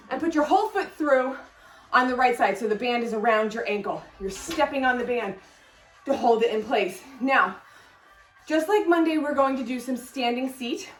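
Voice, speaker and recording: A woman's voice: high-pitched, echoey room, distant mic. A woman fitness instructor leading a workout class, upbeat as she counts reps and cues form while exercising along.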